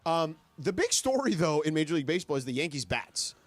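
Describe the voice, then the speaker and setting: A man chats casually about sports as a radio host. His voice is high and swings widely in pitch, with emphatic, colloquial phrasing over a dry studio sound. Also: sing-song, fast, dry recording.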